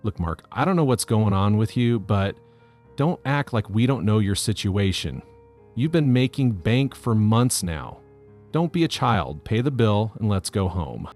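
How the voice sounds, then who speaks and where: A man reading a gruff, demanding uncle. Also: fairly low pitch, animated, a little slow, a little mellow, faint music behind. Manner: gruff, cold.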